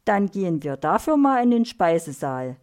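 Woman doing a gentle, soothing carer. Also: fairly low pitch, sing-song, normal speed. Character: caring female carer, calm and fair.

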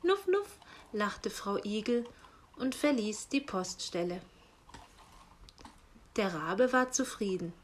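A woman reading a children's story aloud in a calm, unhurried way. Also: mid-range voice, a little hiss or hum. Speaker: narrator. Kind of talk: scripted children's story narration.

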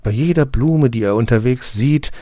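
A man reading an audiobook, voicing a polite male traveler who speaks courteously and comforts gently. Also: medium pitch, normal speed, no room sound, pitched above the performer's own voice, close to an everyday voice. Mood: comforting.

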